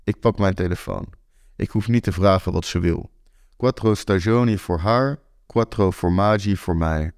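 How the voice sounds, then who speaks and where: A young man reading a first-person story aloud with wry, deadpan delivery. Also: deep voice, normal speed, no room sound, studio quality. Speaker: narrator.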